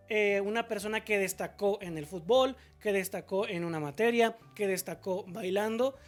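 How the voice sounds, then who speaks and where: With a medium-pitched voice, a female teacher patiently walks through a spelling lesson. She poses questions and answers them herself, stretching example words out syllable by syllable.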